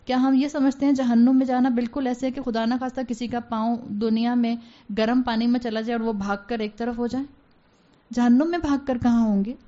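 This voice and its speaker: A woman's voice: a little high, dark tone. Earnest woman giving a religious lecture. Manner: earnest, exhorting, with rhetorical questions. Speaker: Islamic religious teacher. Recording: dull lo-fi recording.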